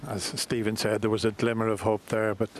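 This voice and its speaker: Even-toned man commentating on live snooker. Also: fairly low pitch, fairly quick. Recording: light noise and crowd in arena. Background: snooker hall crowd and ambience.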